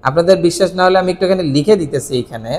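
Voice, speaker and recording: Man, kanji teacher, high voice, quizzing and repeating words, long reverb. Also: lively intonation, very fast, a little mellow. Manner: asks questions and answers them himself, repeating key words. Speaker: Japanese language teacher. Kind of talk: online kanji lesson.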